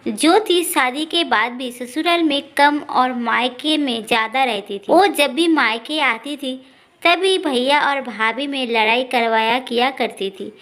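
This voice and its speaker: A woman's voice: high-pitched, measured pace. A woman narrating a family story, voicing every character herself. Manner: plain, steady narration, voicing all the characters.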